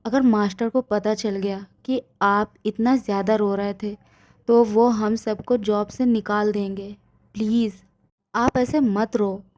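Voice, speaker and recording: A woman voicing a gentle, anxious female servant who talks in a soft, coaxing tone. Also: medium pitch, fairly even intonation, slow, lightly acted.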